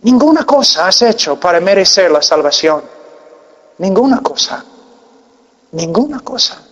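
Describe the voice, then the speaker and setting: The sermon comes from an American man whose fairly high, sing-song voice echoes with long reverb through a large church hall, with the highs cut off. He is slow, deliberate and earnest, using long pauses and swinging from emphatic peaks to hushed, intense near-whispers. He learned Peruvian Spanish late in life.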